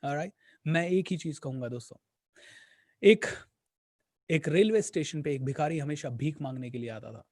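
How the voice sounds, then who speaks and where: A man telling a motivational story, repeating key phrases and calling out to his listeners as friends. His voice sits fairly high with a warm, mellow tone. The sound is dry and close. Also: moderate pace, pauses often, no echo. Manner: repetitive, directly addresses friends, mixes English words. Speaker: motivational speaker.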